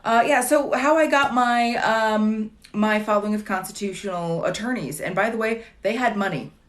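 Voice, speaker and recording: A woman's voice: medium pitch, normal speed. A woman in her late thirties chatting casually on a livestream, wry and digressive with dry jokes, answering viewer questions between fillers and restarts. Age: late 30s.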